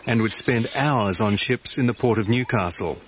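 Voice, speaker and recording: A man narrating a radio documentary in a measured, even way and putting questions to the guest. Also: lowish voice, background noise. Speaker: narrator and interviewer.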